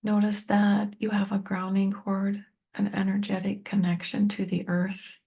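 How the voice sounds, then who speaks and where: A meditation teacher and tapping coach guides a meditation in a dark, soft-edged voice with lots of fry. Her delivery is completely flat, the pitch staying fairly level as she offers gentle, unhurried instructions directly to the listener, with space between short phrases.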